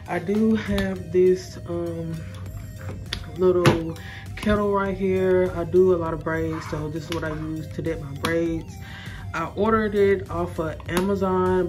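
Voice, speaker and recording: Chatty young woman touring her salon. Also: lowish voice. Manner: chatty, addresses viewers as y'all. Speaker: salon suite owner and braider. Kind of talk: casual walkthrough tour. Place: small salon suite indoors. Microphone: handheld phone camera. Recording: music playing behind the voice.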